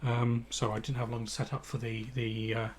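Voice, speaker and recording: An English man hosting a live stream chats casually and rambles, full of fillers and restarts. He sounds out of breath, with a husky, mid-range voice, a level tone and a moderate pace.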